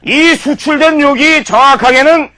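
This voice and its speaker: High bright mock-lecturing man. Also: moderate pace. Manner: mock-formal lecturing, peppered with profanity. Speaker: comedy lecturer.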